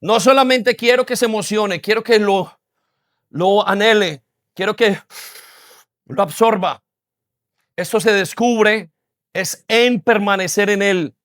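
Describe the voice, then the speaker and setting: A man in his forties preaching a sermon with an emphatic, repetitive rhythm. His voice sits notably high for a man, and the sound is close and dry with almost no room echo. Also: slow pace, pauses often, a bit bright. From Colombia. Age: 40s. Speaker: pastor. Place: church hall.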